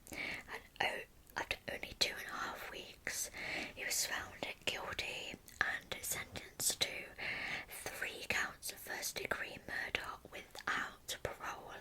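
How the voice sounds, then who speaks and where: Leaning close to the microphone, a young woman tells true crime tales in ASMR style, her whisper soft, breathy, and casual. The recording sounds poor.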